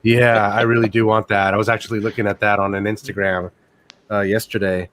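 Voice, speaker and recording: A man's voice: on the low side, little pitch movement, brisk, fairly bright tone, no room sound. A man hosting a casual live chat over a video call, chatty and musing. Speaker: host.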